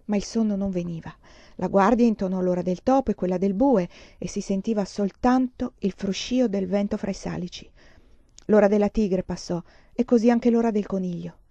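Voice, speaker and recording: A woman reading a novel aloud in an expressive, measured audiobook narration. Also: medium pitch, no echo. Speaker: reader. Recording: dull, lo-fi recording.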